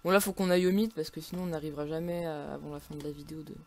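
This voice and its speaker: A woman's voice: low-pitched, steady tone, racing. A woman with a French accent casually commentating her own video game play, full of frustrated outbursts and stumbling restarts.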